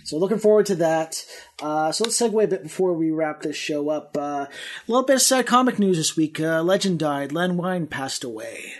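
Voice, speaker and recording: Chatty Canadian-born podcast host, higher voice. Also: male voice, moderate pace. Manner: relaxed, chatty, many fillers. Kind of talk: casual chat.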